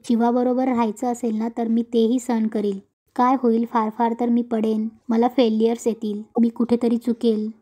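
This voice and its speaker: A woman's voice: fairly high pitch, mellow, husky. A woman voicing a determined young husband who firmly defends his wife. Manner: firm, earnest.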